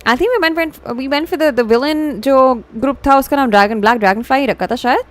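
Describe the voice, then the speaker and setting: This VTuber livestream host, a woman with an Indian accent and a fairly high voice, chats casually and reacts to her viewers at a quick pace. She blends Hindi into her English as she talks.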